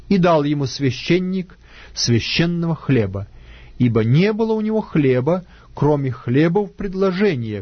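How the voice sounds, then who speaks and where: A man reads scripture aloud in a measured, even way, his voice husky and a little breathy. The recording is dry and close, with a dull, lo-fi sound. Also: mid-range voice, no echo. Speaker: Bible reader. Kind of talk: scripture reading.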